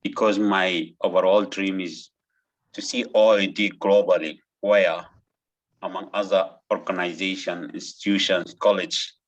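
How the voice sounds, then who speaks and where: A middle-aged man with a Sudanese accent introduces himself in an online interview, earnest and halting, often rephrasing as he goes. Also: low-pitched, low-quality recording. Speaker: interview candidate, doctoral student.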